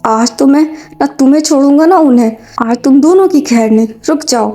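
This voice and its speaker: Woman reading an exasperated young man, scolding, high and mellow, soft music behind. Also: normal speed, lightly acted. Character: hot-tempered young man scolding a stubborn child. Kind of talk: fanfiction storytelling.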